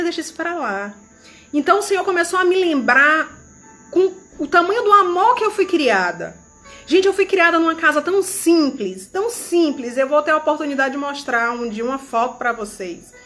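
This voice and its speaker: A woman's voice: sits high, a bit bright. A woman leading a church youth ministry, preaching an emotional testimony and repeatedly calling out to her listeners. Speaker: youth ministry leader giving a testimony sermon.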